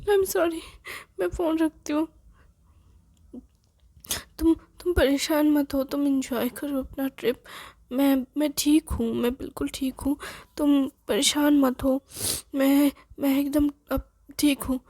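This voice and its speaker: A distraught young woman sobs through halting apologies, her voice pitched up high and tight with tears, as a narrator puts her on. She keeps her pitch narrow while she stumbles over her words in a dry, close recording. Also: steady tone, warm tone, no room sound. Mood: tearful, apologetic. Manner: sobbing, halting, repeated apologies. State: crying.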